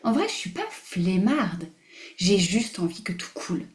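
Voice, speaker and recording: A woman hosting a live online masterclass, animated and emphatic, repeating phrases, mixing in English words and laughing often. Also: medium pitch, a little slow. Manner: mixes English words into her speech. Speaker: masterclass host. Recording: roomy echo.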